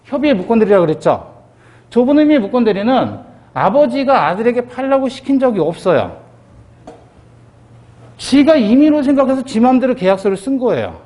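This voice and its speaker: A man's voice: extremely high pitch, sing-song, fairly quick, pauses often, warm tone. A middle-aged man lecturing on civil law for exam preparation, asking the class rhetorical questions and acting out little dialogues in quoted voices.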